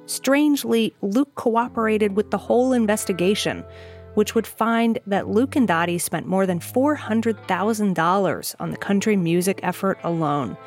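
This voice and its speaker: A woman narrates a documentary podcast in an even, measured way, reading a carefully scripted story. Soft music plays faintly beneath her voice. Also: medium pitch.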